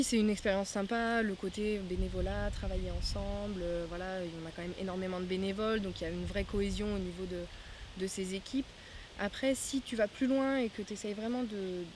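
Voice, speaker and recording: Young woman talking over outdoor noise. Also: medium pitch. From France. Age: 20s. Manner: hesitant, many fillers. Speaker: festival volunteer. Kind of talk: casual interview answers.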